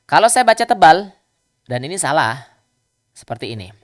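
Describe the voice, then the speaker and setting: A man teaching Quran recitation rules in a live online lesson, patiently repeating examples and chanting verses slowly. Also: a little high, very animated, no echo, clean studio sound.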